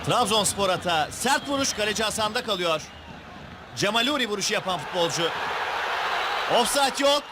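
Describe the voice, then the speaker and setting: Male football commentator, very high excited delivery, raised voice, noisy 1990s sports broadcast. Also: brisk. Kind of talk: match highlights commentary.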